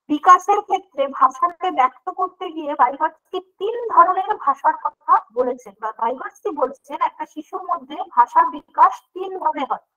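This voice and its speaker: A woman teaches an online class, her high, bright voice walking through each point. She poses questions and answers them herself. The stream audio is dull and lo-fi. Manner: explanatory, asks and answers her own questions. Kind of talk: online lecture.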